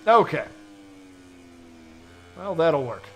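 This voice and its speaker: A man with a high voice calls an online motorbike race, and he perks up fast whenever something goes wrong on track. A faint hiss of noise sits under him. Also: highs cut off. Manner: excitable, quick to exclaim at incidents. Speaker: play-by-play commentator. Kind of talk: sim racing commentary.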